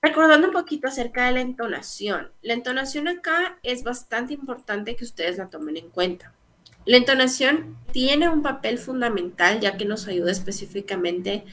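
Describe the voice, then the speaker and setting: A woman's voice: on the high side, bright, forceful tone. A young woman teaching an English grammar lesson, explaining patiently step by step and often checking in with her students.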